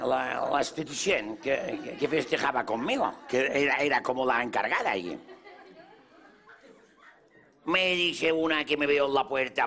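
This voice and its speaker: A man's voice: mid-range voice, fairly bright tone. A man with a Mallorcan accent performing stand-up comedy in character as a boastful self-styled latin lover, in a café before a live audience. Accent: Mallorcan Spanish. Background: audience laughter.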